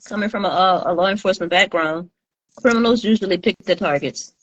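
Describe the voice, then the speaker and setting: Quick-talking joking woman. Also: on the low side, a bit bright, dry recording, lo-fi sound. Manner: quick, joking, laughs often. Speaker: guest. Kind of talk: casual podcast chat.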